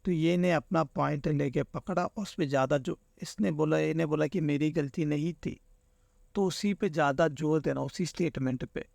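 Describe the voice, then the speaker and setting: A man's voice: a little high, normal speed, vocal fry, darkish tone, no room sound, clean studio sound. A man teaching an exam-prep lesson, walking through answer options and explaining each with everyday examples. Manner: explains with everyday examples, keeps saying "theek hai".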